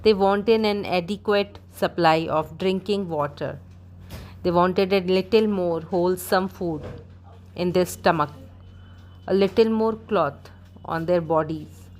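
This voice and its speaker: Woman, lowish voice, slow dictating delivery, short separated phrases, faint background noise. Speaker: dictation reader for shorthand practice. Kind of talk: dictating a speech for steno practice.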